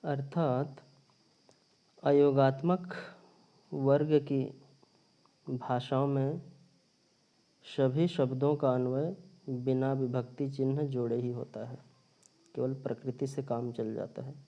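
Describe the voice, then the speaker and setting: A man's voice: mid-range voice, steady tone, slow, pauses often, highs cut off. A man teaching a recorded grammar lesson, explaining step by step and repeating his points. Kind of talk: recorded linguistics lecture. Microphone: phone or screen recorder.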